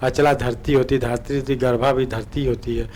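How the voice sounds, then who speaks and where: A man's voice: medium pitch, level tone, fairly quick, darkish tone, a little hiss or hum. A man teaching an online exam-prep lesson, asking questions and answering them himself, repeating key words and often correcting himself. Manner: explains by asking and answering his own questions.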